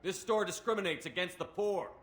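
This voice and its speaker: A man's voice: high voice, brisk, a bit bright. A man voicing a blunt, abrasive male soldier commander with a sarcastic, confrontational streak.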